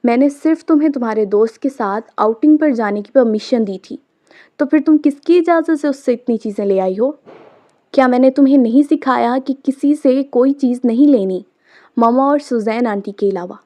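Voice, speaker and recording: A woman's voice: on the high side, normal speed, mellow, lightly acted. A woman reading the part of a stern young mother who sharply scolds her daughter in a storybook. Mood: scolding.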